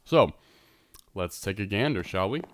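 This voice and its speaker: A man with a fairly low, lively voice and a stuffed-up, congested nose gives a chatty tour of his Minecraft build, speaking a little slowly. He rambles and corrects himself as he goes in this casual let's-play commentary from a server. The recording is studio quality with no room sound.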